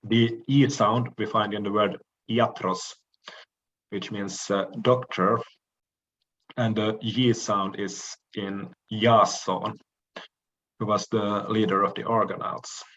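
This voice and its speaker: A man delivering a recorded lecture in a slow, deliberate way, often stopping on hesitant fillers. His voice sits a little low, and the recording sounds dull and lo-fi. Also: steady tone, a bit bright. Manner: measured, frequent "uh" pauses, occasional throat clearing.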